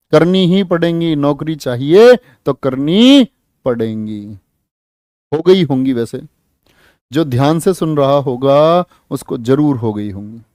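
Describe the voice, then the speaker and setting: Male teacher, coaxing classroom voice, higher pitch, mellow tone, dry close sound. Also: no echo. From India. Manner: coaxing, quizzes students, reads their answers aloud. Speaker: Hindi teacher. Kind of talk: online exam-prep class.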